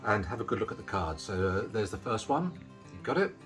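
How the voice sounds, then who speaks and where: A man's voice: on the low side, big pitch swings, brisk, fairly bright tone, faint music behind. A middle-aged man giving casual, chatty patter as a card magician, explaining as he handles the cards.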